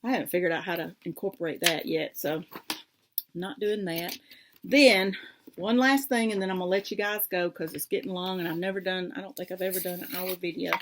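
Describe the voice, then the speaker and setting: A woman's voice: on the low side, steady tone, a little fast, background noise. A woman hosting a casual crafting vlog, rambling and easily sidetracked, with many fillers. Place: home craft room.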